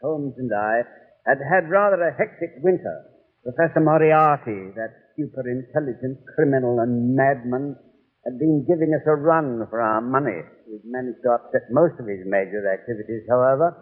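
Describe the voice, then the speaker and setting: An actor playing a genial, rambling older English doctor, telling stories in 1930s radio style. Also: male voice, medium pitch, moderate pace, big-room sound, close to an everyday voice. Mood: genial, reminiscing. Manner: avuncular, rambling, loses his thread. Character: genial, chatty old English doctor reminiscing about detective adventures. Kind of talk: 1930s radio storytelling and sponsor patter. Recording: tinny, hollow 1930s radio recording.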